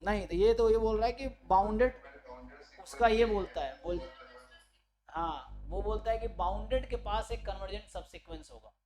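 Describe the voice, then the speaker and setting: A man's voice: high-pitched, normal speed, a little mellow, low-quality recording. A man giving an online exam-prep maths lecture. He explains step by step, keeps checking in with his students, and corrects himself mid-sentence. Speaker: maths teacher.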